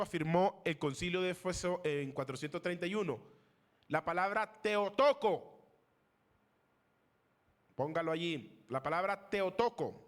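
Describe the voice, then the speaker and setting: A man with a fairly high-pitched voice teaches a theology class as a pastor. He lectures in a classroom style, lifting his voice to stress key terms and asking questions of his students. He pauses now and then with fillers while he searches for names.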